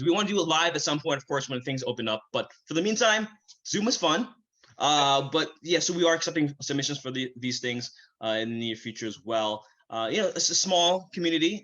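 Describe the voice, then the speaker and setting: A man's voice: mid-range voice, sharp tone, muffled recording. A man hosting an online performance event, speaking loosely with lots of fillers. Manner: loose and chatty, many fillers. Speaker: host. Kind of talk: casual hosting. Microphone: video call.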